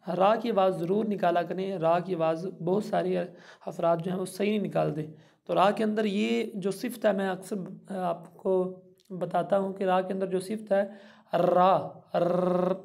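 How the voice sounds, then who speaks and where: A man teaching a Quran reading lesson, patiently spelling out each letter and vowel mark, with slow drawn-out recitation between explanations. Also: sits high, vocal fry, darkish tone.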